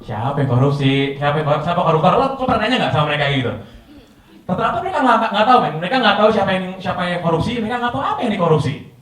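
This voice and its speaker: Male stand-up, high sharp voice, needling rhetorical questions, echoey live hall. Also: very animated, rapid-fire. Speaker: stand-up comedian. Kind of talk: stand-up comedy set. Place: live event hall with audience. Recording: very echoey hall, distant mic, audience.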